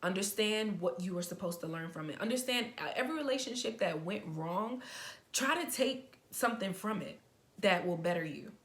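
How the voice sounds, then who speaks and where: A young adult woman vlogger giving casual advice to the camera, talking excitedly and rambling, often stuttering and restarting. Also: mid-range voice, moderate pace.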